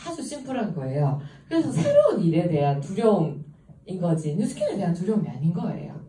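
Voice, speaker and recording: Woman, Gyeongsang accent, informal lecture, lively swooping pitch, mellow tone, echoey room heard from a distance. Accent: Gyeongsang Korean. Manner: lively, chatty, laughs often while telling stories. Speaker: seminar speaker.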